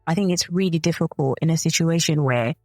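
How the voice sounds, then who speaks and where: A Zambian woman with a low, slightly mellow voice speaks fairly quickly as co-host of a faith and relationships podcast. She's thoughtful in this casual chat, often correcting herself and restarting sentences, with no echo and faint music behind.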